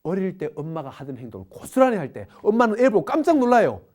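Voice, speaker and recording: Woman parenting educator, middle-aged, lively rhetorical lecture delivery. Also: mid-range voice, fast talker. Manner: animated, talks to audience with rhetorical questions.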